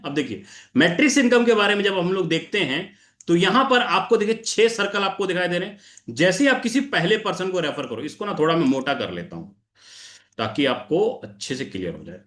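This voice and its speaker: Man, presenter, screen-share walkthrough, repetitive question-and-answer delivery, high voice, roomy echo. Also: animated, a little fast, fairly bright tone. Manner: repetitive, asks and answers his own questions, addresses listeners as sir. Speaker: crypto plan presenter. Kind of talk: screen-share presentation explaining an income plan.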